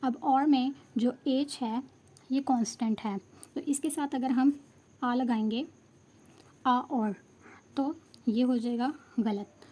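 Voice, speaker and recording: Female grammar teacher, fairly high, soft warm tone, patient explainer. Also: fairly even intonation, a little slow. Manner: patient, checks understanding, mixes Hindi and English. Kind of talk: explanatory lesson.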